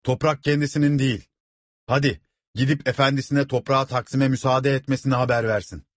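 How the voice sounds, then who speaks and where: A man voicing an angry rebel villager shouting at a steward, in an audiobook reading. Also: mid-range voice, fairly even intonation, fairly quick, no echo, studio quality, pitched above the performer's own voice, natural voice. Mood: defiant. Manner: shouting, defiant.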